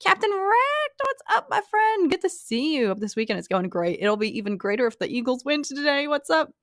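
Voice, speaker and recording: A young woman from Philadelphia, USA, with a light Philly accent reads comments on a live stream, chatting casually, giggling, restarting sentences and saying "like" a lot. Her voice is high-pitched with big pitch swings and a brisk pace, captured in a dry, clean studio recording.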